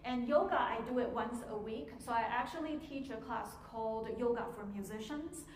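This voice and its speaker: A woman teaching a piano masterclass, answering audience questions in a measured way with frequent pauses and ums, in an auditorium. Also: fairly high pitch. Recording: echoey hall, faint noise.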